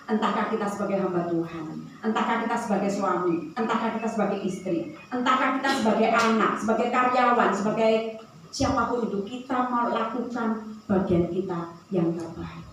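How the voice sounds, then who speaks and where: A woman preaches in a relaxed, conversational storytelling manner and drifts easily into anecdotes. Her voice rings through a very reverberant church hall. She sounds distant from the mic, with faint ambient noise behind her. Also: medium pitch. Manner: conversational storytelling, tangents and light laughs. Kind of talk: sermon. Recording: very echoey hall from far off.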